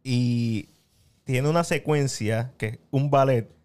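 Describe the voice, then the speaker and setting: A man hosting a casual podcast speaks at an ordinary middle pitch. He talks with eager enthusiasm, piling praise on the films he recommends. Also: slow pace, a little mellow, smooth. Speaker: podcast host. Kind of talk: casual film chat.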